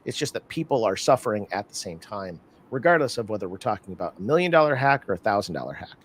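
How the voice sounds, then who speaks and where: A man hosting an interview in casual chat, animated and talkative, acting out other people's lines as he tells stories. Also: fairly low pitch, husky. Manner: animated storyteller, acts out scammers' lines in quick bursts. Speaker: podcast host.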